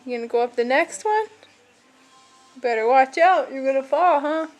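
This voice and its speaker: High sing-song woman cheering a toddler. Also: normal speed, faint music behind. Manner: encouraging sing-song baby talk. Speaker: adult filming a toddler. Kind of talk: home video, talking to a small child.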